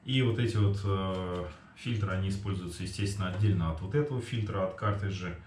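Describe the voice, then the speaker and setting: A man's voice: low voice, a little fast, darkish tone. A man in his forties giving a casual, matter-of-fact product review, explaining things somewhat hesitantly. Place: small home kitchen, indoors. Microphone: camera across the table. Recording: roomy echo, distant mic, faint noise.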